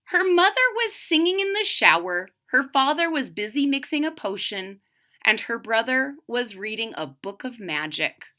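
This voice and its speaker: A woman with a voice on the high side reads a children's picture book aloud, very animated, at a moderate pace and with a sharp tone. She reads expressively as a storybook reader, adding explanatory asides for her young listeners.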